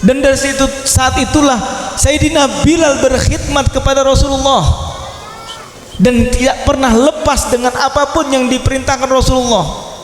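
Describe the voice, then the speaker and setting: High-pitched middle-aged guy preaching, echoey room, a little background noise. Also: little pitch movement, normal speed. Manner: storytelling, questions the audience. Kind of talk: sermon. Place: prayer room at a religious celebration. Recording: echoey hall, faint noise.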